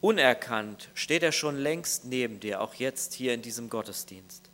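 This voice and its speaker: Bright-voiced man preaching earnestly. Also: medium pitch, lively intonation, a little slow. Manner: earnest, addresses listeners directly. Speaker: pastor. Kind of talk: sermon.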